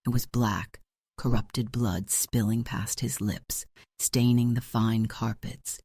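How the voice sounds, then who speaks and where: A man narrating a paranormal romance audiobook in a steady, dramatic storytelling manner. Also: medium pitch, slow, no echo, studio quality.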